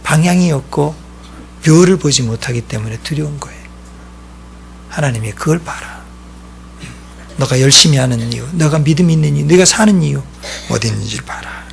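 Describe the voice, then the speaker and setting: A man preaching a sermon as pastor, swinging between loud exclaiming and hushed whispering. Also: on the high side, lively intonation, normal speed, creaky, pauses often, slight background noise.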